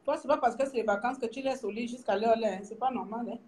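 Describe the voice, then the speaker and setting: A middle-aged woman from Gabon with a Gabonese French accent, teasing her viewers in a lively casual vlog, laughing often and trailing off as she searches for words. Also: fairly high pitch, fast talker, a little hiss or hum. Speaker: vlogger. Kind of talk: casual mocking commentary to viewers.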